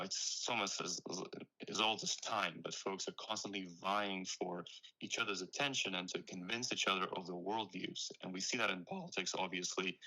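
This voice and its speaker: A man's voice: low-pitched, bright, forceful tone, rough recording. A young man from Ukraine, a startup founder being interviewed, explaining his work earnestly with frequent "you know"s. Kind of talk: conversational interview.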